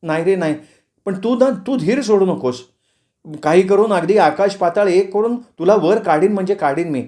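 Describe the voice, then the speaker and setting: Male storyteller as an anxious young wife, raised pitch, mellow, pleading. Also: normal speed, natural voice. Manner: pleading, urgent, tearful tone.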